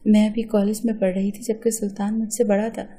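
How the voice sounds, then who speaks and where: A woman's voice: mid-range voice, flat delivery, dark tone, breathy edge. A woman narrating an emotional first-person story in an earnest storytelling manner.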